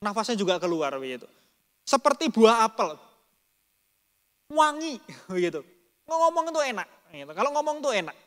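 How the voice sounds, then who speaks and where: A man's voice: sits high, very animated, normal speed, pauses often, fairly bright tone, big-room sound. A man preaching a Bible study in casual Indonesian. He rambles with many fillers and speaks straight to the congregation. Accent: Indonesian, Surabaya region. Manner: addresses the congregation directly. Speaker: pastor.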